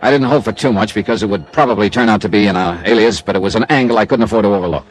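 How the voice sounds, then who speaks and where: A man with a lowish voice speaks very fast, close to how he'd normally talk, on a low-quality recording. He's an actor playing a wry, streetwise American investigator who narrates his own case in first person, clipped and hard-boiled like a classic radio detective drama. The mood is wry and intent.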